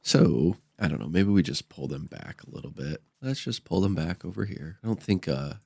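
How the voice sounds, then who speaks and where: A man's voice: deep voice, expressive, moderate pace, gravelly, darkish tone, slightly rough, no echo, clean studio sound. A man giving casual gameplay commentary as host, his voice stuffy and nasal from a blocked-up nose with a cold. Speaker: gaming video host.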